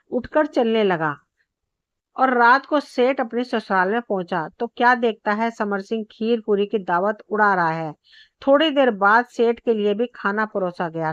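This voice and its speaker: A woman's voice: mid-range voice, no room sound. Woman storyteller, chatty folk tale narration, dry close sound, slightly dull lo-fi recording. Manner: chatty, addresses listeners as friends.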